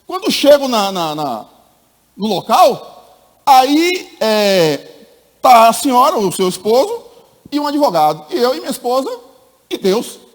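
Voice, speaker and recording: Middle-aged man, high voice, animated church testimony, long hall reverb. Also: a little slow, long pauses. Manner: animated storytelling, acts out the people in his story, calls listeners "my brother". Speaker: church speaker giving a testimony. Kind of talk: personal testimony at a church meeting.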